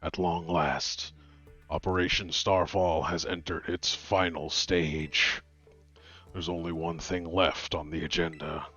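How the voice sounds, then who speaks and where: A man voicing a secretive teenage girl boss who hides behind a deep voice-changer voice, speaking slowly and theatrically. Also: level tone, sharp tone, breathy edge, lo-fi sound, faint music behind, exaggerated voice. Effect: disguised deep voice-changer voice.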